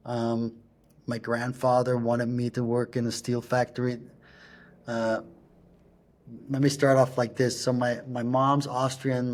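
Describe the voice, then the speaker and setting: Flat-voiced man telling road stories. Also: medium pitch. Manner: halting, searching for words, drops in German words. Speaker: guest, punk rock singer. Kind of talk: casual interview storytelling.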